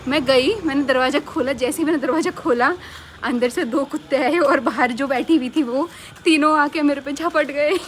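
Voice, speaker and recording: A woman's voice: high voice, normal speed. A young woman vlogging casually, telling a story animatedly with laughs. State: hiccuping. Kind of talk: casual vlog chat. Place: home and neighbourhood street.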